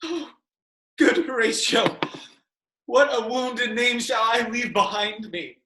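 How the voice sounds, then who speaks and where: An actor playing an anguished, vengeful young dying prince in a declamatory Shakespearean style. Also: male voice, very high-pitched, takes it slowly, echoey room, exaggerated voice. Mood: dying, sorrowful. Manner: declamatory, swinging from shouts to hushed lines. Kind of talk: Shakespearean stage acting.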